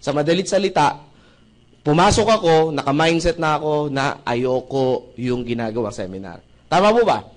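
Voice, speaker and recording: Filipino man, high voice, presenter sharing his story with a seminar crowd and prompting them to agree. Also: animated, moderate pace. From Philippines. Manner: storytelling, asks the audience for agreement. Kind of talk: testimonial seminar talk.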